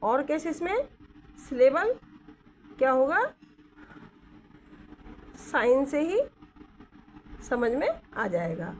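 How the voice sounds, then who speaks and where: A woman teaching shorthand at an unhurried pace, her fairly high voice rising and falling a lot as she spells out sounds and stops to ask whether the class follows. She records on a phone held in one hand while she writes at a desk indoors. A faint noise sits under the voice. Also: big pitch swings, low-quality recording. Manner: explains slowly, with many checking questions. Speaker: stenography teacher. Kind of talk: Hindi-English shorthand lesson.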